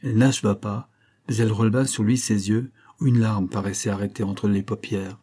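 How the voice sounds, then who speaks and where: A man narrating a classic novel as an audiobook, in a measured, expressive reading. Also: on the low side, breathy edge.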